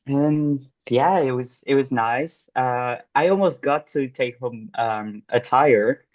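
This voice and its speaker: Young French co-host, chatty storyteller, many fillers, lo-fi dry sound. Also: male voice, medium pitch, takes it slowly, no room sound. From France. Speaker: podcast co-host. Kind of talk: casual chat.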